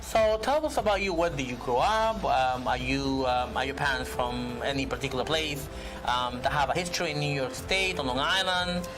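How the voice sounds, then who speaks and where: A man hosting a TV interview, asking rambling, halting questions with many fillers. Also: medium pitch, music in the background. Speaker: TV show host.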